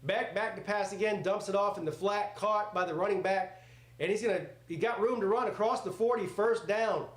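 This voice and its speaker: This man's voice sits high, and he keeps a moderate pace as host of a live sports watch party. In his forties, he's blunt and jokey, rambling as he switches between chat and play-by-play.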